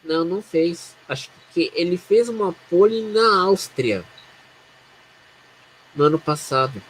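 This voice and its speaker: A man's voice: high voice, expressive, unhurried. Brazilian male race analyst over noisy audio. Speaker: motorsport analyst alongside the commentator. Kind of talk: casual live race analysis.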